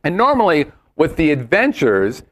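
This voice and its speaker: A man's voice: a little high, wildly swooping pitch, moderate pace. A man co-hosting a talk show in casual, conversational banter.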